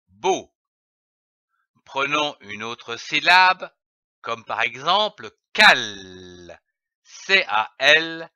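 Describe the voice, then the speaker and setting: A man teaches early reading at a very slow, deliberate pace, sounding out each letter and syllable for young children. His voice is bright and fairly high, and it rises and falls in a lively way. The sound is dry and a little dull. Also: no room sound.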